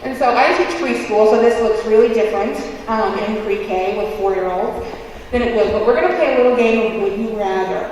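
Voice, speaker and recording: In a big, very reverberant gym, a woman with a fairly high voice speaks through a face mask, heard from some distance. She gives an informal keynote in a chatty, playful, self-deprecating way, like a preschool teacher addressing grown-ups. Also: a little fast, darkish tone. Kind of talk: informal keynote speech with audience games. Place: large indoor gymnasium. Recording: very echoey gym, distant, faint noise.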